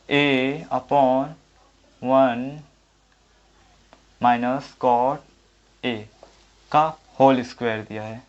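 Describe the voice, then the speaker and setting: A man teaching a maths lesson at the board, thinking aloud and answering his own questions step by step. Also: medium pitch. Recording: dull lo-fi audio.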